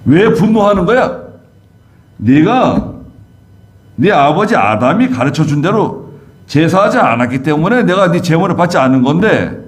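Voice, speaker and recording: A man's voice: on the high side, sing-song, normal speed, long pauses, pitched above the performer's own voice. A man voicing God as a stern, fatherly figure who scolds an angry son with blunt questions. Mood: stern, scolding.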